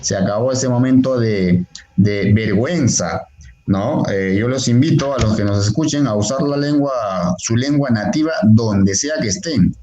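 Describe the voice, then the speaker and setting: A man who teaches and translates Quechua is an interview guest on a call, explaining things earnestly with many fillers and restarts. His voice is medium-pitched at a moderate pace, a crowd can be heard behind him, and the call audio is echoey, dull and lo-fi.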